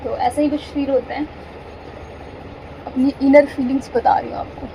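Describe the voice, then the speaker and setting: Chatty high-voiced young woman vlogging. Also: steady tone, moderate pace, creaky, warm tone, a little hiss or hum, rough recording. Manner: chatty, confiding, talks straight to viewers. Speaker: vlogger and home tuition teacher. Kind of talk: casual vlog chat.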